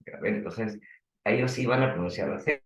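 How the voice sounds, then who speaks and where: A man's voice: lowish voice, moderate pace, echoey room, lo-fi sound. A man with a Peruvian accent teaching a language class, questioning his students and explaining with examples. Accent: Peruvian Spanish. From Peru. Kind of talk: online class lecture.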